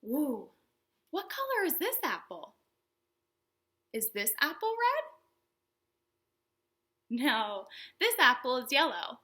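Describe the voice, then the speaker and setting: Her high-pitched voice moves slowly, with frequent pauses, as she runs a storytime for young children. A children's librarian, she explains things simply in a lively, sing-song style and asks her small viewers questions.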